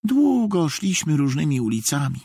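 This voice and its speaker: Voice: breathy edge, no echo, studio quality. A reader narrating a storybook in the first person as a teddy bear. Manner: slow, very lively pitch.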